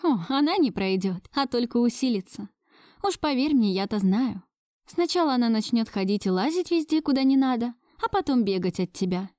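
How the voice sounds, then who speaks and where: A gentle young woman, played by the woman reading coos and whispers softly. She sounds wistful and affectionate, with a mellow tone in a dry, close recording. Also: on the high side, expressive, moderate pace, no room sound, lightly acted. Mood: playful, knowing. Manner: soft cooing, breathy whispers.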